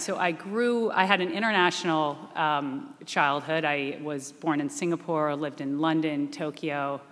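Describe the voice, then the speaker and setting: A woman's voice: low-pitched, fairly bright tone. A woman answering as a panelist, poised and upbeat with some restarts. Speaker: chief investment officer. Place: reunion event hall. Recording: echoey hall.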